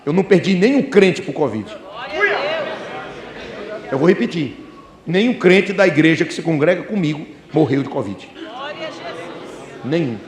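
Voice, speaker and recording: Fiery high-voiced Brazilian preacher. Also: male voice, lively intonation, measured pace, long pauses. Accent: Brazilian Portuguese. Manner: fiery, shouting, with laughing asides. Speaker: pastor. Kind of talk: sermon. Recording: echoey church hall.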